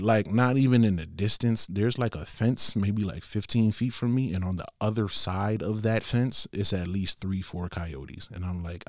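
A young man from Connecticut telling a casual travel story in a relaxed, slangy, animated way. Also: on the low side, dry recording, clean studio sound. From Bridgeport, Connecticut.

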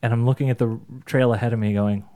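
A man's voice: mid-range voice, fairly even intonation, fast talker, warm tone. A man casually telling a long story on a podcast, rambling with fillers and chuckles.

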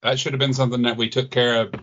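A man co-hosting a casual podcast, blunt and easygoing and quick to swear, on dull lo-fi audio. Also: medium pitch, flat delivery, fairly bright tone. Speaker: podcast co-host.

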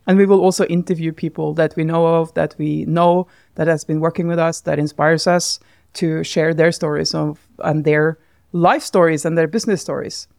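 A woman's voice: deep voice, steady tone, moderate pace, gravelly, a little mellow, no room sound, clean studio sound. A Norwegian woman co-hosting a podcast, talking thoughtfully in casual chat and laughing often. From Norway. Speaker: podcast co-host.

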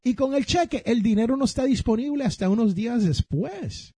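A podcast host from Puerto Rico talks personal finance, telling stories with energy and addressing his listeners directly. His voice sits high with a mellow, husky tone, and he speaks fairly quickly. The sound is close and dry, with no room sound.

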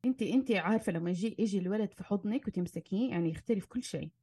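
A woman, a marriage and family therapist giving animated advice in casual conversation and slipping in English terms. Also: medium pitch, very fast, slightly rough. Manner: animated, acts out arguments, mixes in English terms.

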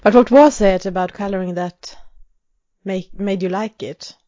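A woman's voice: medium pitch, unhurried, mellow. Woman hosting a podcast. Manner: brief, direct questions. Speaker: podcast host. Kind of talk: podcast interview. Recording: muffled lo-fi audio.

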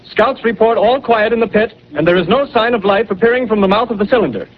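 A fast, high old-newsreel radio announcer. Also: male voice. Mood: urgent. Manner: formal, crisp bulletin-reading. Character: brisk male radio studio announcer. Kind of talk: 1930s radio drama announcing. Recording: muffled 1930s radio broadcast with faint hiss.

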